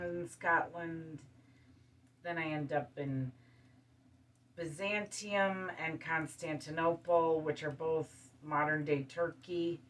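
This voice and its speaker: A woman hosting her show, talking calmly in a casual monologue and listing things one by one. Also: low-pitched, distant mic. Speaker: show host. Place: studio.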